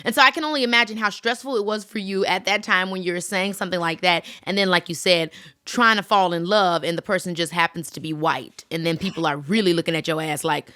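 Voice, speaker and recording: A young woman hosting a casual chat, animated and full of fillers. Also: lowish voice, fast talker, dry recording. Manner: animated, chatty, lots of fillers. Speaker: podcast host.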